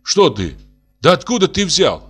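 A man voicing a brisk, scoffing young mother in a storybook reading. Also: sits high, huge pitch swings, fairly bright tone, husky, faint music behind, pitched above the performer's own voice, exaggerated voice.

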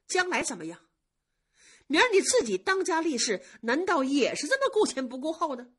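A woman's voice: on the high side, very animated, a little fast, a bit bright, breathy edge, voice pushed up, heavily acted. Baoyu, a woman voicing an irritable young nobleman. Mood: irritated. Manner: sighing, exasperated scolding. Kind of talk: traditional storytelling.

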